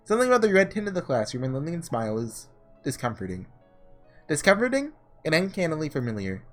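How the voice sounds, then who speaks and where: With background music behind him, a man works through a visual novel in casual let's-play style, voicing its dialogue and his passing thoughts. His slightly high voice swoops wildly in pitch at a quick pace.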